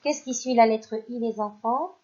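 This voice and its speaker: A woman teaching a phonics lesson to young children, speaking clearly and encouragingly and praising the pupils as she goes. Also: fairly high pitch, moderate pace, warm tone. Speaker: primary school teacher. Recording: dull lo-fi recording.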